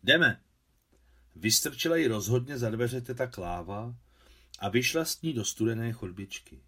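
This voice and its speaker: Man calmly reading a novel aloud. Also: mid-range voice, breathy edge. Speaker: translator reading his translation.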